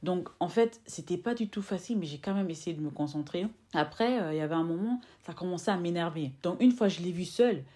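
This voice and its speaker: A young woman in her twenties tells a personal story straight to her viewers in a low, mellow voice. She slips into the voices of the people in her story and often circles back to repeat or restart a phrase. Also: fast talker, few pauses. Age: 20s. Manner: animated, acts out quoted exchanges. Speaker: vlogger. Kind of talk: casual storytime monologue.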